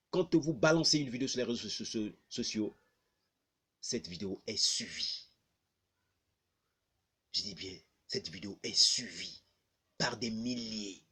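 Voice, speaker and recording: Slow, emphatic Congolese-accented man. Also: on the low side, a bit bright, husky. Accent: Congolese French. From Republic of the Congo. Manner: emphatic, repeating phrases for stress. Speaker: blogger. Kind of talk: public address to viewers.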